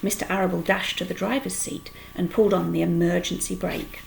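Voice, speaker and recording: A woman reading a children's book aloud with expressive storytelling. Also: fairly low pitch, fairly quick, vocal fry, slight background noise, poor audio. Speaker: storytime reader.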